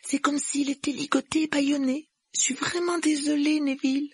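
A man voicing a clever, bossy schoolgirl who speaks briskly and insistently. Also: very high-pitched, no room sound, clean studio sound, pitched above the performer's own voice. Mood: rueful.

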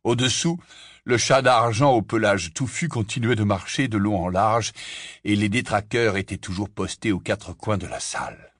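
A man reading a fantasy novel aloud as an audiobook narrator, with expressive storytelling. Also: fairly low pitch, normal speed, no room sound, studio quality. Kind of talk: scripted narration.

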